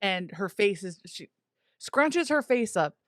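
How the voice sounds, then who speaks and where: A woman's voice: mid-range voice, big pitch swings, slow pace, fairly bright tone, no room sound, clean studio sound. A woman playing a tabletop game, describing her character's actions in a playful way. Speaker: player. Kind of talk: casual game chat.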